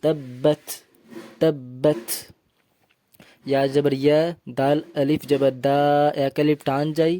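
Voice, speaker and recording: A man's voice: fairly high pitch, little pitch movement, mellow, no room sound, clean studio sound. Patient male Quran reading teacher. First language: Bengali. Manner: slow, patient spelling of syllables, chanted recitation. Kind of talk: tajweed lesson, spelling out and reciting verses.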